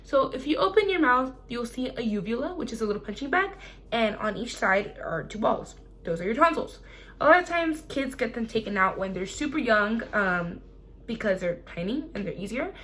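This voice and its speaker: Young woman, slightly high voice, casual vlog chat, chatty storyteller, animated retelling. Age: young adult. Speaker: vlogger. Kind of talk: casual chat to camera, personal Q&A.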